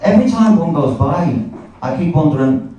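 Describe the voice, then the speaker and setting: At an indoor comedy venue before a live audience, an Irish stand-up comedian in his forties, with an Irish accent, tells stories with acted-out dialogue in a sweary, wry routine. His voice is a little high and dark-toned, with lively intonation and normal speed; the audio is dull, and the recording is echoey, distant and noisy.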